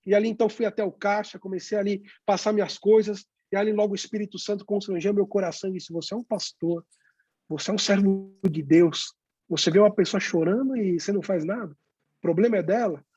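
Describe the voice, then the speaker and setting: A man's voice: sits high, fairly even intonation, warm tone, slightly rough, no echo, dull audio. A man, a pastor, telling stories of sharing his faith and acting out the conversations. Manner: storytelling, acts out dialogue, pauses with "né?". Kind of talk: testimony in a youth talk.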